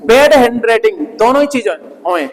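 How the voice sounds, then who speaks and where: A man's voice: very high voice, lively intonation, brisk, vocal fry. Man, vocabulary teacher, drills pronunciation, joking, tag questions, long reverb. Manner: drills pronunciation, asks students to repeat; tag questions and playful jokes. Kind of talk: classroom vocabulary lesson.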